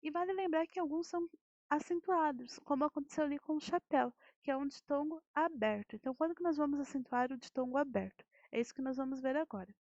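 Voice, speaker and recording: A woman's voice: high-pitched, fast talker, darkish tone, no echo. A Brazilian Portuguese-speaking woman teacher explaining a grammar lesson, asking rhetorical questions and often checking with "né". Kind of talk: recorded classroom lesson. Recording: dull lo-fi dry audio.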